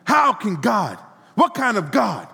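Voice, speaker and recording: A high-voiced man preaches with lively, swooping intonation, repeating lines and calling the congregation to answer back. His voice carries a long reverb from the church hall. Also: slow, gravelly. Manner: preaching with call-and-response and repetition. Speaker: pastor. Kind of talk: sermon.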